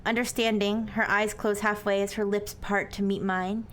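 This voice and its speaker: A woman voicing an earnest young woman in a paranormal romance visual novel, reading in a soft, solemn, dramatic way. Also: flat delivery, moderate pace, natural voice. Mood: solemn, tender. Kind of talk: visual novel read aloud. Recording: noisy, low rumble behind.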